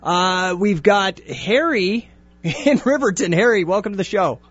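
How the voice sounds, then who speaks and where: A man hosting a call-in talk radio show, brisk and quick to cut callers short. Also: high-pitched, lively intonation, fairly bright tone. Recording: dull lo-fi radio studio sound.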